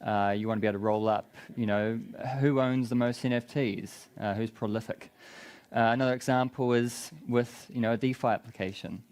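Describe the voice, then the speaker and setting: A man's voice: mid-range voice, steady tone, fairly quick, a little mellow, clear, resonant tone. A man with a broad New Zealand accent gives a product presentation at a conference, explaining things in an informal way. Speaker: conference speaker, business development head.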